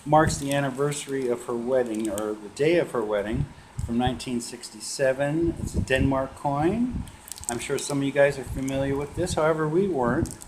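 A coin collecting vlogger shows off his coins in a casual show-and-tell vlog captured as a noisy home video. His mid-range voice is relaxed and rambling, full of "uh" fillers.

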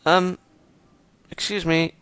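A man's voice: fairly high pitch, flat delivery, fairly bright tone, smooth, no echo, voice pushed up. A man putting on a shy young woman's voice. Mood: polite, nervous. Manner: halting, nervous, apologetic. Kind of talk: reading game dialogue aloud.

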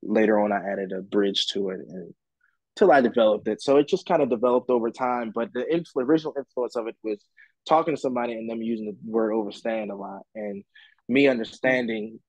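A man with a low voice speaks into a dry, close mic as he answers an interviewer's questions. He talks loosely, wandering through his thoughts with plenty of fillers and restarts. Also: brisk, dry recording, rough recording. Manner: relaxed, rambling with many fillers and restarts. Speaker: musician guest.

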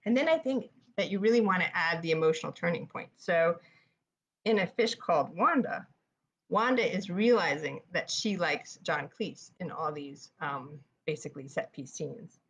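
A woman with a New York accent, an author giving a chatty live-streamed presentation with writing tips. She talks fast, with many fillers like "um" and "like.". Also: lowish voice, fairly bright tone, breathy edge.

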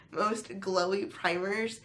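A woman's voice: mid-range voice, fairly even intonation, drawn-out words, a bit bright. A sick young woman beauty vlogger with a stuffy, nasal voice, chatting casually and a little apologetically to camera.

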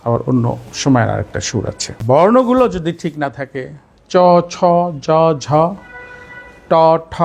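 A man training teachers, lecturing with a Bangladeshi accent and demonstrating tones and sounds out loud, slipping in slow, deliberate English phrases. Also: on the high side. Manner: animated, demonstrates intonation and sounds aloud.

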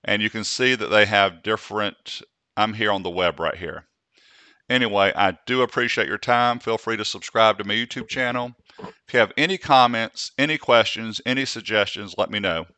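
A man hosting a screen-recorded software tutorial, speaking slowly and deliberately so he can demonstrate dictation commands. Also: on the low side, no echo.

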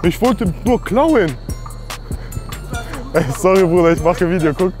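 A man filming a street prank video outdoors, talking in a playful, deliberately broken German persona. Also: high-pitched, animated, over music. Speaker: prankster YouTuber.

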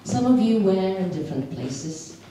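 A middle-aged Polish woman with a warm, expressive, mid-range voice tells a personal story as a storyteller at a community event, hesitating often with filler pauses. She speaks into a handheld mic in a large wooden hall with a stage, and the recording picks her up from across the echoey room with slight background noise.

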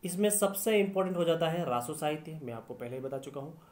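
Man, lecture teacher, fairly high voice, echoey room. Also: lively intonation, fast, darkish tone. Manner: explanatory, repeats key phrases. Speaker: Hindi literature teacher.

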